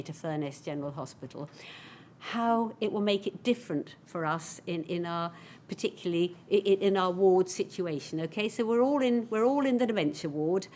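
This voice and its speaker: A woman's voice: fairly low pitch, darkish tone, a little hiss or hum. A woman hosting a conference session, talking in a chatty, storytelling way. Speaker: conference host. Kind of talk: conference talk.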